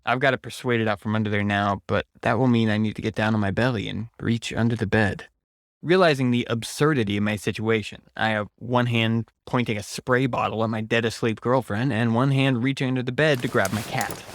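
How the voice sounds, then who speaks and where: A man's voice: on the low side, steady tone, a little fast, no echo, studio quality. A man reading a scripted first-person horror story as its narrator. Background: music.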